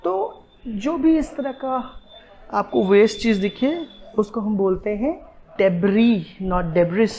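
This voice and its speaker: A man with an Indian accent teaching English pronunciation, mixing Hindi and English and slowing down to spell out the English words. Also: sits high, animated, vocal fry, darkish tone. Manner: switches between Hindi and English, slow and deliberate on English words. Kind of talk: online pronunciation lesson. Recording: roomy echo.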